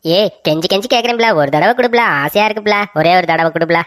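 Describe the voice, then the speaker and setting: Woman voicing a pleading little cartoon boy, talks fast, fairly high voice. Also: lightly acted. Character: pleading young boy who denies lying.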